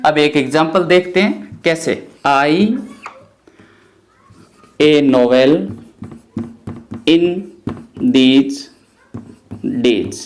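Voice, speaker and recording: A middle-aged man, teaching a grammar lesson and stepping through it by asking and answering his own questions. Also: on the high side. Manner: explains step by step, often asks and answers his own questions. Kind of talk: classroom lecture.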